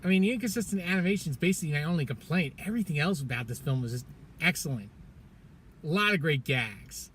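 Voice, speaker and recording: A man's voice: on the high side, animated, fast, fairly bright tone, slight background noise. A man giving a casual film review in a parking garage, chatting loosely, laughing often and stumbling over his words. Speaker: movie reviewer.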